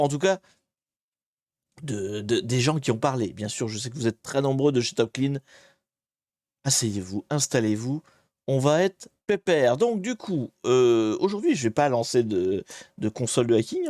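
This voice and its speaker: A man's voice: medium pitch, sing-song, moderate pace, darkish tone, no echo, clean studio sound. A man hosting a live stream, explaining a security exercise in a jokey, chatty way and greeting his viewers. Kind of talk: casual live-stream tutorial.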